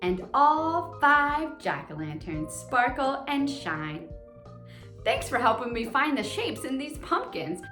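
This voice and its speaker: Her voice is high, bright, forceful and very animated as she leads a children's lesson and read-aloud. She addresses kids in an exaggerated manner, asking questions and pausing for responses, while plucked guitar music plays in a roomy, echoing setting.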